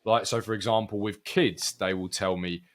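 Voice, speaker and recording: A man's voice: on the low side, fairly even intonation, moderate pace. A man in his twenties co-hosting a casual podcast chat, earnestly reasoning through his point at length. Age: 20s. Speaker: co-host.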